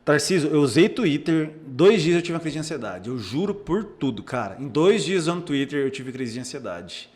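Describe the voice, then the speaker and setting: A man's voice: fairly high pitch, a little fast, hardly any pauses. A young Brazilian man, a psychologist, chatting casually on a podcast and acting out the remarks he quotes. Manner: animated storyteller, acts out quoted remarks, frequent restarts. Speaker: psychologist guest.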